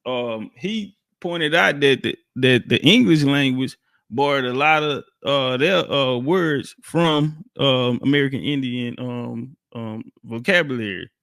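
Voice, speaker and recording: A man's voice: medium pitch, a little slow, vocal fry, fairly bright tone, dry recording. A man from Alabama, a guest in a casual talk, speaking in slang with many hesitations. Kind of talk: casual discussion. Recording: dry close recording.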